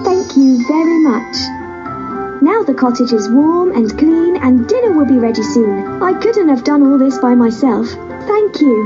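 A sweet, polite young princess from a storybook game, as a woman voices her. Her high, lilting voice sounds bright and encouraging. Music plays behind her, and the sound is slightly dull and lo-fi. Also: lively intonation, measured pace. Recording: lo-fi recording over music.

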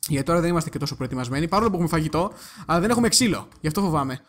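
A young man with a high voice, running a gaming channel. He keeps up chatty let's-play commentary and talks straight to his viewers. Now and then he breaks into sudden excited yelps.

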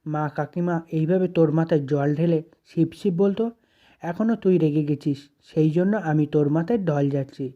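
A narrator reading the lines of a calm, self-sacrificing elder brother and husband in their own plain voice. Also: male voice, a little high, moderate pace, dull audio, natural voice. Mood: gentle. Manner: gentle, reassuring lines read plainly.

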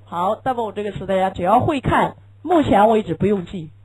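Husky woman teaching English, explaining patiently. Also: medium pitch, animated, fairly quick, a little mellow, low-quality recording. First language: Chinese. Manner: explains patiently, asks rhetorical questions, repeats key phrases. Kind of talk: classroom lecture.

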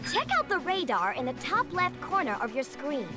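Upbeat female brigadier, military radio communicator for a war game; high, very animated, commanding. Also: normal speed. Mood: encouraging, instructive. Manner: peppy, commanding, instructional. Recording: game music behind the voice.

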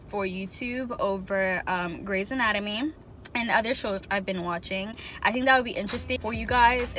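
A young woman chatting casually to camera as a vlogger, expressive and loose, with plenty of fillers. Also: mid-range voice. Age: young adult. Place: room at home.

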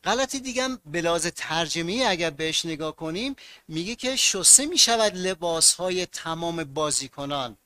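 A man with a Mashhad accent teaching grammar in an online class. He explains each rule patiently and puts questions to his students, then answers them himself. His voice is bright and a little high, and the recording is dry and close. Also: animated, dry recording.

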